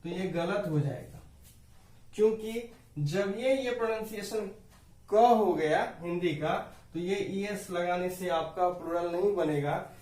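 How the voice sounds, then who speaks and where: Man, high voice, patient grammar teacher, echoey room heard from a distance. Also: a little mellow. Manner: patient, repeats rules, addresses dear students. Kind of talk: classroom explanation to students.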